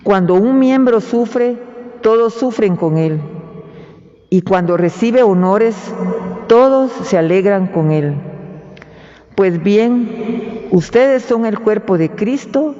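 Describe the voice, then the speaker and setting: A man reading Scripture as lector at Mass, slow and deliberate, with cathedral echo around his voice. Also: sits high, animated, dark tone. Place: large church. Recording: long church reverb, dull lo-fi sound.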